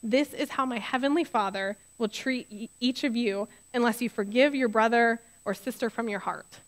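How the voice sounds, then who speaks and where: A young woman pastor delivering a sermon in a relaxed, conversational tone. She stays earnest, and brings the story she retells to life with animated asides. Her voice sits a little on the high side. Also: normal speed.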